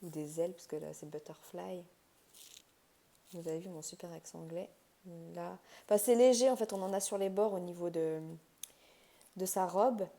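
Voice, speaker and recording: A woman's voice: fairly low pitch, a little fast, dark tone. A woman hosting a crafts channel, casually talking through an unboxing and thinking aloud with many fillers and restarts.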